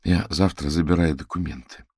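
A despairing young male sorcerer, tense and bitter, read by a man. The voice sits a little higher than the reader's deep natural tone. It is recorded close and dry. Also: fairly even intonation, a little fast, a little mellow, slightly rough, no room sound. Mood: flat resigned.

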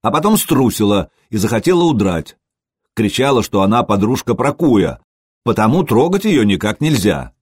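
A man's voice: lowish voice, sing-song, normal speed, husky, no echo, clean studio sound. A man voicing a cocky young Varangian warrior who jeers and mocks. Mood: mocking. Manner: jeering.

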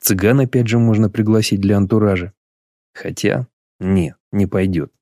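Male narrator, low dark tone, dry close recording, measured delivery. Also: no echo. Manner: even, measured reading. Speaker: audiobook narrator. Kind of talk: scripted narration.

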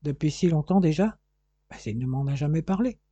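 A man's voice: a little high, animated, brisk, warm tone, slightly rough, dry recording, dull audio. A man voicing an anxious, stern but loving father who gives urgent orders. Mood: concerned. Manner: urgent, commanding.

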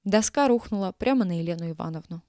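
A woman's voice: mid-range voice, lively intonation, fast, mellow, no room sound. Woman reading an audiobook, dry sound. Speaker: audiobook reader. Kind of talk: audiobook narration. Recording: dry close mic.

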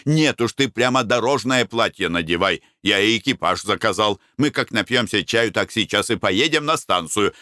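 A man voicing a panicky middle-aged husband abroad, fretful and hurried, in a storybook reading. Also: lowish voice, animated, bright, forceful tone, no room sound, clean studio sound. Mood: anxious, hurried.

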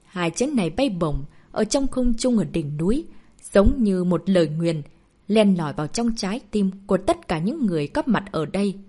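A woman narrating a martial arts story as an audiobook, reading in an expressive storytelling manner. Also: mid-range voice, moderate pace.

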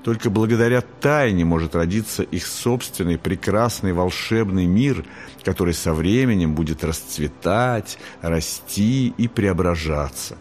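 A man voicing a wise old grandmother in an audiobook, speaking tenderly and softly. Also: deep voice, a little slow. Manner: tender and soft-spoken.

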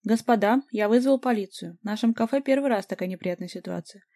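A woman's voice: mid-range voice, fast talker, dark tone, no echo, studio quality, natural voice. A woman voicing a small, fussy, nervous cafe manager.

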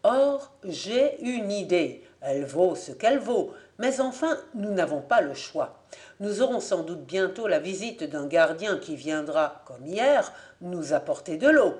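A woman's voice: lowish voice, darkish tone. Fabien, a woman voicing a fiery young Parisian apprentice. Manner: fiery, exclaiming, streetwise. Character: hot-headed young Parisian apprentice man.

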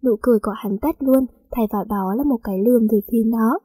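A woman narrating a story, reading the dialogue of every character in an even, unhurried way. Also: on the high side, slightly rough, no echo, low-quality recording. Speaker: audiobook narrator.

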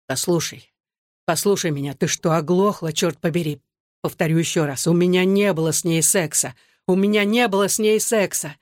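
A reader voicing an adult man, an enraged husband shouting through gritted teeth in an audiobook. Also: mid-range voice, moderate pace, dry recording, clean studio sound, close to an everyday voice. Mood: angry. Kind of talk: audiobook narration.

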